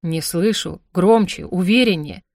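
A woman voicing a deadpan winged demon man. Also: lowish voice, unhurried, dry recording, clean studio sound. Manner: serious, phlegmatic, bossy. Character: cool, deadpan male demon with wings.

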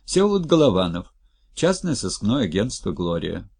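A man voicing a cocky private detective who talks in breezy, mock-military phrases. The voice is gravelly, with a lively rise and fall. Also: fairly low pitch, normal speed, heavily acted. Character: brash private detective man, joking bodyguard.

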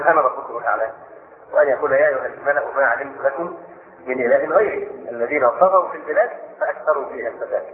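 An older man teaches scripture at a brisk clip, slowing only to recite the verses he quotes. His voice sits in an echoey room and comes through a thin, phone-like line. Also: mid-range voice. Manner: quick explanatory delivery, slows to recite verses. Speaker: Islamic scholar giving Quran commentary. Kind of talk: spoken Quran commentary lesson.

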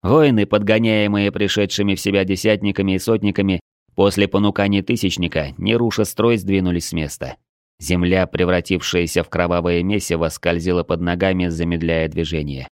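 A man narrating a first-person fantasy audiobook in a steady, measured way. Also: sits low, clear, resonant tone, no echo, clean studio sound.

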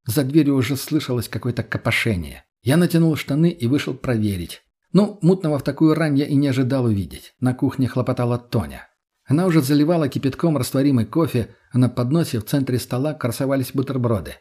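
A man narrating a first-person audiobook in a steady, matter-of-fact way. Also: mid-range voice, fast, slightly rough.

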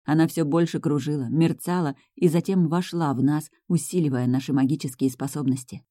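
Calm first-person audiobook reader, measured pace, warm mellow tone, close dry studio sound. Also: medium pitch, dry recording. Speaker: audiobook narrator.

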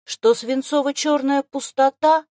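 A woman reading a fantasy novel aloud as an audiobook narrator, expressive storytelling. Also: sits high, a little slow, no echo, clean studio sound. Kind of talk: scripted narration.

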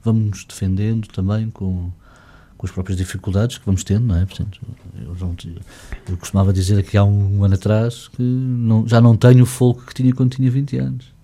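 A man's voice: on the low side, little pitch movement, a little fast, warm tone. A middle-aged man with a slightly grainy voice, chatting reflectively as an interview guest with many restarts. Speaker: fado singer, guest. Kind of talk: casual interview chat.

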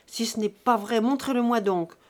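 A woman voicing a furious, greedy grown peasant son who shouts accusations at his aged parents. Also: medium pitch, lively intonation, unhurried, slightly rough, heavily acted.

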